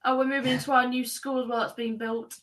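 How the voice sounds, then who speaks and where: A woman's voice: high-pitched, level tone, fast talker, a loud crowd. A woman co-hosting a casual live-stream chat, blunt and exasperated, swearing freely. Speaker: podcast co-host.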